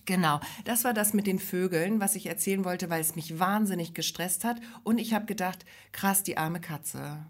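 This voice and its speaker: A woman with a somewhat low voice, chatting casually as a podcast co-host. She rambles playfully, mocks herself, and drifts from one silly tangent to the next. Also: moderate pace, few pauses. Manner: rambling, playful, self-mocking. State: recovering from illness. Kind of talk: casual comedic chat.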